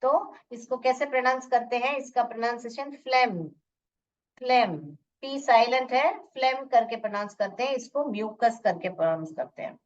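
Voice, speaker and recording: A woman teaching English in a lesson, repeating words slowly to drill pronunciation. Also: on the high side, far from the mic, lo-fi sound, slight background noise. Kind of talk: bilingual classroom lesson. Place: room with a board.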